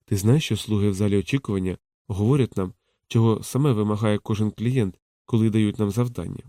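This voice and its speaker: A man reading a calm, knowing courtesan in a soft, low and hushed voice. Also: a little fast, no echo, clean studio sound, natural voice. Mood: teasing. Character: frank, teasing courtesan woman, calm and knowing.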